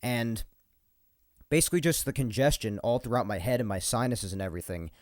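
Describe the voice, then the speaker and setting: Speaking at medium pitch, a little fast and expressive, this young New Yorker's darkish voice carries no room sound in a studio-quality podcast-mic recording. In his casual solo monologue he's slightly nasal from a cold, rambles, repeats things, and laughs between thoughts.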